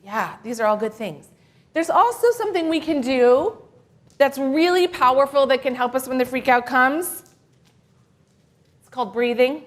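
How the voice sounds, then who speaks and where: A woman minister leads a children's segment in a worship service. Her voice sits high and light, and she sounds playful and animated. She draws the kids in with questions and gentle encouragement. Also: normal speed, pauses often. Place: church sanctuary.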